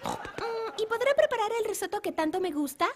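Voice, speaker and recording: A woman voicing a smug, scheming cartoon woman who talks in a lively, teasing way. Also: extremely high pitch, fast talker, slight background noise.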